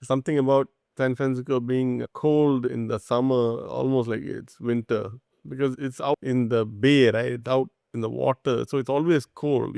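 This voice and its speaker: A man from Singapore answers interview questions in a thoughtful, explanatory way. His voice has a gravelly edge and sits at a middle pitch. The sound is dry and close. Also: darkish tone, no room sound. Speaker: guest, startup founder.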